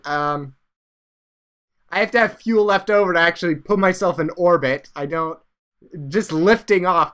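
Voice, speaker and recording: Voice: mid-range voice, fairly bright tone. A let's play host giving casual, rambling game commentary, often trailing off into mumbles.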